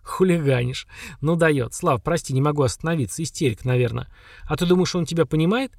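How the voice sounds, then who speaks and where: A man voicing an excitable young wife in a raised voice. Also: on the high side, brisk, gravelly, no echo, studio quality. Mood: excited. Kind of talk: audiobook character voice.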